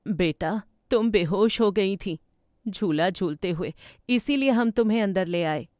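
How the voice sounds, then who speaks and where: A woman voicing a concerned mother pigeon in a Hindi cartoon, with a soft, anxious manner. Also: medium pitch, unhurried, no echo, studio quality, close to an everyday voice. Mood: gentle.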